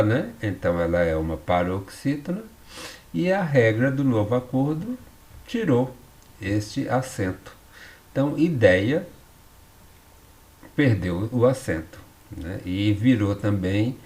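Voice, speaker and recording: A male teacher with a Brazilian Portuguese accent talks through a recorded lesson in a low, deep voice. He takes his time and explains patiently, often pausing to check in with his listeners. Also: a little mellow. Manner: patient, explanatory, frequent tag questions.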